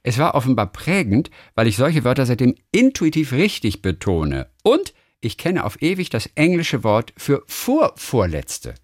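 A man's voice: medium pitch, measured pace, no echo, studio quality. A man co-hosting a casual chat, reading out a listener message and explaining it. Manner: lively, reads out listener messages. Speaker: podcast co-host.

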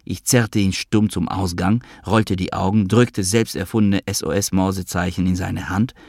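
A man reading a literary novel in the first person, measured and calm. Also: sits low, vocal fry, no echo, studio quality. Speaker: audiobook narrator.

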